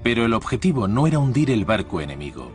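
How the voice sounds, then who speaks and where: A man's voice: lowish voice, very animated, quick pace. Formal male documentary narrator, faint music. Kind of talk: scripted documentary voice-over.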